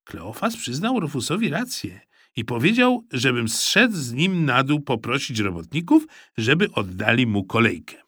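Man, storybook narrator, lively pitch, bright, dry close sound. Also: husky, no room sound. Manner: expressive, animated. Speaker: audiobook narrator.

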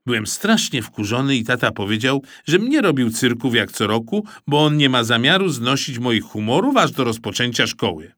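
A man narrating a children's storybook aloud in a lively, expressive manner, recorded close on a studio mic. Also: mid-range voice, normal speed, hardly any pauses, no room sound. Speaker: audiobook narrator.

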